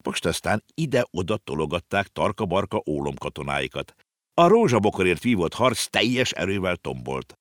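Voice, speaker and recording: Deep, expressive male narrator for a storybook, dry close sound. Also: dry recording. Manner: expressive, animated. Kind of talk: storybook reading.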